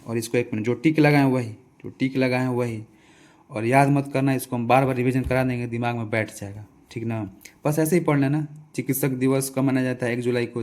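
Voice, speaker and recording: Speaking in a medium-pitched, darkish voice, this man with a Bihari Hindi accent runs an informal exam review. He fires off quiz questions, supplies the answers on his own, and says them again in a chatty way.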